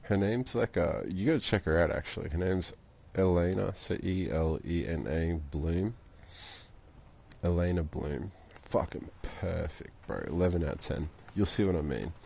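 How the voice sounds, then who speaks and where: A man's voice: deep voice, moderate pace, vocal fry, darkish tone, slightly rough, dull audio. A young man chatting casually on a game live stream, rambling and swearing constantly.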